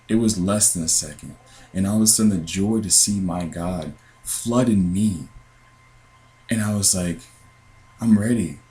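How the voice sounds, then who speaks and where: Young man, American accent, deep voice, earnest, halting testimony. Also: mellow, rough recording. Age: 20s. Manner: earnest, halting, with many restarts. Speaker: dream sharer. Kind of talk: personal testimony.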